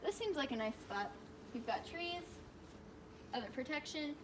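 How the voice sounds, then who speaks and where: A young woman in her twenties giving a scripted outdoor skills lesson in a backyard, upbeat and playfully deadpan, recorded on a camera mic. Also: high voice, moderate pace, background noise. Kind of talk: scripted instructional video.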